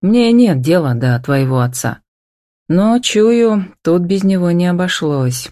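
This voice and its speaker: Woman reading a gruff growly young husband, short tempered, curt, low voice. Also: lively intonation, slow, warm tone.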